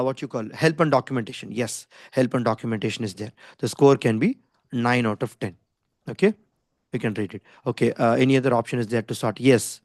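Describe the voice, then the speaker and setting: Fast-talking Indian man teaching an online class. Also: mid-range voice, no echo, clean studio sound. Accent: Indian English. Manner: didactic, insistent, repeats himself, often checks with "okay?". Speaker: design skills instructor. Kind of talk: live online lesson, informal explaining. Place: online video call with screen share.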